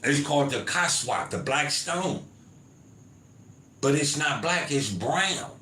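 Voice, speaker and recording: A man's voice: fairly high pitch, expressive, takes it slowly, sharp tone. A man hosting his own podcast, talking casually with listeners and dropping "you feel me" and "man" into his points. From United States. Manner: loose conversational, lots of "you feel me" and "man". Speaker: podcast host. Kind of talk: casual podcast commentary, reading chat comments. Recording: roomy home recording with faint ambience.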